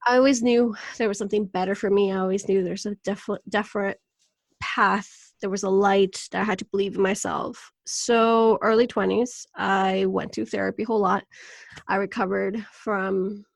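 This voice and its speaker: A woman's voice: medium pitch, moderate pace, creaky, no room sound. A woman in her thirties from Venezuela, a podcast guest talking candidly and with lots of laughter about her life story. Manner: candid, animated, laughs often. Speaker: podcast guest, wellness coach. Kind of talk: casual interview talk.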